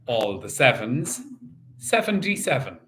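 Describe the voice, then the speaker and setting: A man working as a bingo caller, calling out numbers in set phrases and repeating each in a measured, sing-song way. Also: medium pitch, very animated, bright, forceful tone, a little hiss or hum.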